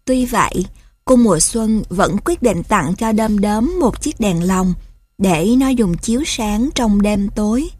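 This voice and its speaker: Female storybook narrator, slow, gentle, dry close sound. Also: fairly high pitch, husky, no room sound.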